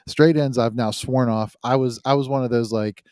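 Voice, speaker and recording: A man's voice: medium pitch, fairly even intonation, moderate pace, mellow, clean tone, no echo, clean studio sound. A man co-hosting a podcast, giving firm, emphatic opinions in casual chat. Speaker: podcast co-host.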